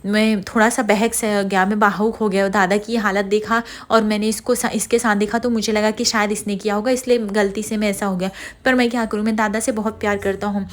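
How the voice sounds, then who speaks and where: A woman's voice: medium pitch, little pitch movement, brisk, hardly any pauses, natural voice. A woman voicing a scheming man who blames others and fakes remorse, in her own voice. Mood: falsely contrite. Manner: accusing, then falsely apologetic. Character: scheming young man blaming others, feigning grief.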